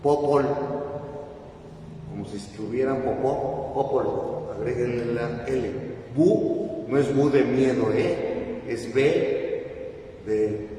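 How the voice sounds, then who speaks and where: A man's voice: medium pitch, takes it slowly, warm tone. A man with a Mexican accent, a priest giving a didactic catechetical talk to his congregation, emphatic and spelling words out for his listeners. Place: church or parish hall. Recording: echoey hall, voice far from the mic, faint background noise.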